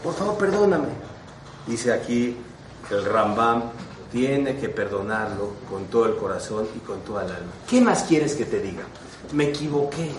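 Heard from some distance in a spacious, echoey room, this man speaks as a rabbi leading a class, mixing lively stories with questions to his listeners in sermon style. His voice is on the low side, and the recording carries a bit of hiss or hum.

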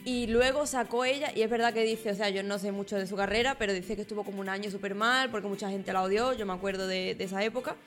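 A woman's voice: mid-range voice, steady tone, quick pace, few pauses, a bit bright, faint music behind. A woman, co-hosting a podcast and telling a story in casual chat. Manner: chatty storyteller, many fillers. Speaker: podcast co-host.

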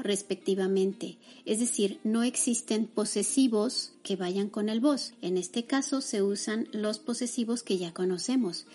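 A woman hosting a language-learning podcast, teaching a grammar lesson in a scripted, measured way and saying example words slowly and carefully. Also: mid-range voice, darkish tone. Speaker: podcast host and Spanish teacher.

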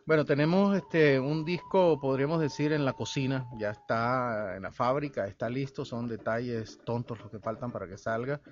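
A man from El Salvador talks as a guest in a radio studio. He speaks in a halting way, full of fillers and restarts, at a middling pitch. The broadcast sound is dull and lo-fi. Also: slight background noise. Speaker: guest musician and researcher. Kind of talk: radio interview conversation.

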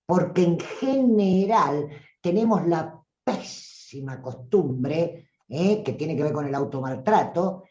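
A woman with a Rioplatense Spanish accent, a voice coach giving an animated live-streamed talk who acts out voices and calls listeners "tribu". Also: low-pitched, slow pace, roomy sound, highs cut off.

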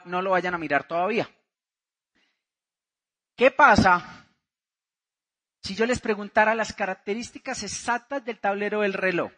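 High-voiced Colombian man telling stories from a stage. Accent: Colombian, Santander. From Santander, Colombia. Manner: animated storyteller, asks the crowd questions. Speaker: motivational speaker. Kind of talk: motivational seminar talk to a live audience.

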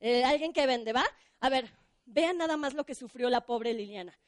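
Lively high-voiced storyteller. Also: female voice, normal speed, no echo. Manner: animated, addresses the audience, asks questions. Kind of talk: live children's story reading. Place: bookstore.

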